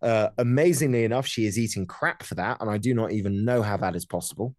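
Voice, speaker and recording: A man's voice: on the low side, quick pace, darkish tone, dry recording, clean studio sound. A man hosting a podcast, giving casual, conversational commentary on sport. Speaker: podcast host.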